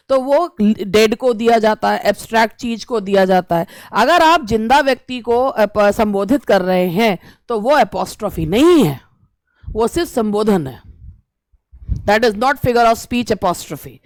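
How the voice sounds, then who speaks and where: A woman teacher, reading English exam questions slowly and explaining them at length. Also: fairly high pitch, no room sound. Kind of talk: exam-prep lesson.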